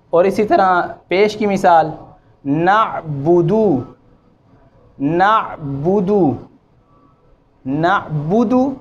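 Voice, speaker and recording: A man teaching Quran recitation rules, chanting examples with long drawn-out vowels and correcting common mistakes. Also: high voice. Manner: draws out vowels and repeats examples slowly, then corrects. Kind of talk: slow, patient tajweed lesson with chanted examples.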